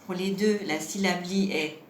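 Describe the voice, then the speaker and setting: A woman teaching young children a home lesson, slow and patient, asking questions and stretching out syllables. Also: fairly low pitch, fairly even intonation, roomy sound, a little hiss or hum. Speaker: preschool teacher.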